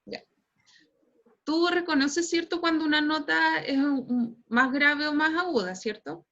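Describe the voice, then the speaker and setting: Chilean woman teacher, high voice, keeps saying "right?" while she explains, muffled lo-fi call audio. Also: a little slow, fairly bright tone. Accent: Chilean Spanish. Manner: explains patiently, constantly tags phrases with "¿cierto?". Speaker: physics teacher. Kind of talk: online class lecture. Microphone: computer mic on a video call.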